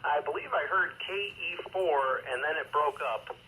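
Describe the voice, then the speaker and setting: A man acting as amateur radio net controller, reading procedure in a measured, formal way over two-way radio with static. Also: on the high side, sharp tone, slightly rough, poor audio. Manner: measured, formal, with hesitant asides. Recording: radio transmission with faint static noise.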